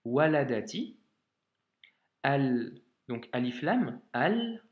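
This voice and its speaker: Slow, patient male Arabic reading teacher. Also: on the high side, lively intonation, echoey room, narrow, tinny audio. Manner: patient, spells out sounds slowly, checks in with "ok?". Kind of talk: video lesson addressing the viewer.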